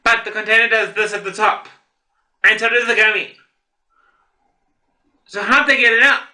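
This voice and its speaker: A man's voice: sits high, steady tone, normal speed, sharp tone. A man hosting a reaction video, reading posts aloud and commenting in a casual, rambling way, often laughing to himself. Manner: rambling, with many fillers and self-corrections.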